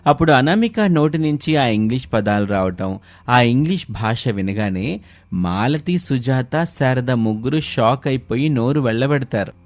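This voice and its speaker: A man narrating a scripted cartoon story in a steady storytelling manner. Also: medium pitch, normal speed. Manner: even, storytelling delivery.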